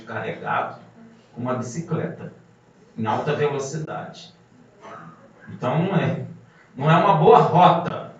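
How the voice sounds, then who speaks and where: Preacher, echoey hall. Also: male voice, fairly high pitch, a little hiss or hum. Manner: emphatic, rhetorical questions to the congregation. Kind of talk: sermon. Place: congregation hall. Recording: muffled, very echoey hall from a distance.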